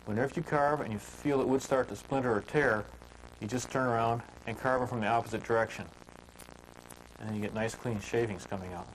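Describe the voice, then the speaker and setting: A man teaching woodcarving in a relaxed, homespun storytelling manner, chatting with filler words as he works. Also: mid-range voice, brisk, a little hiss or hum, rough recording. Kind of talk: folksy storytelling while demonstrating carving.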